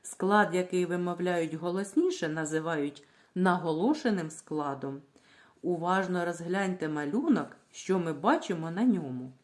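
A woman teaching a reading lesson to young children, sounding out words slowly and clearly, asking questions and then answering them herself. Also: lowish voice, a little mellow. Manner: slow, clear, drawing out words syllable by syllable. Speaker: primary school teacher.

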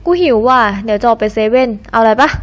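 A woman's voice: fairly high pitch, quick pace, lightly acted. A woman voicing a brash, crude teenage boy who teases his best friend in a coarse, boastful way. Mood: teasing.

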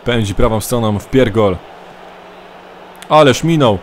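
Guy commentating his football game like a tv announcer, yells at goals, faint game noise behind. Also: mid-range voice, slow pace. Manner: excitable mock sports commentary, shouting at goals. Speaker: gaming YouTuber. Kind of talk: let's-play commentary.

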